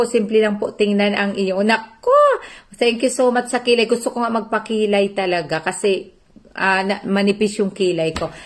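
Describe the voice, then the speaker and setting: A chatty woman with a Filipino accent hosts a casual livestream. She greets viewers one by one and reads their comments aloud. Her voice sits at an ordinary mid pitch. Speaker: livestream host.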